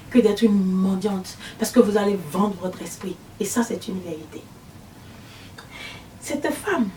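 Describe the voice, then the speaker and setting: A woman preaching her testimony with emphatic, animated storytelling. Her voice sits fairly high. The recording is roomy, with the mic far off and faint ambience behind her. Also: slight background noise. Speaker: visionary preacher. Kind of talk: testimony sermon.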